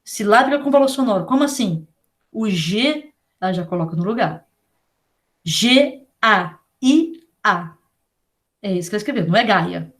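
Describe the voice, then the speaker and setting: A woman's voice: medium pitch, lively intonation. Chatty Brazilian woman teaching a class. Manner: casual, chatty, slangy, spells letters out slowly. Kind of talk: online lecture.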